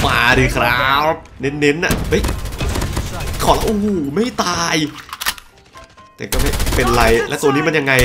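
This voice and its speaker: A young man giving lively commentary while he plays a shooter game, breaking into excited exclamations. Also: medium pitch. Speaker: gaming YouTuber. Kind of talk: live gameplay commentary. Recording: game music and gunfire behind.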